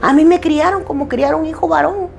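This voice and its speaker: A woman preaching to a women's church group, loud, emphatic and plain-spoken, with candid, self-deprecating humor. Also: high-pitched, fairly quick, vocal fry, faint music behind. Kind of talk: sermon.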